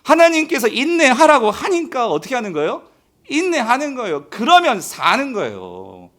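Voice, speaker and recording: A man's voice: extremely high pitch, wildly swooping pitch, normal speed, sharp tone. A male pastor preaching, asking the congregation questions and acting out people's complaints. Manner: acts out the people's complaints in quoted voices. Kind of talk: sermon.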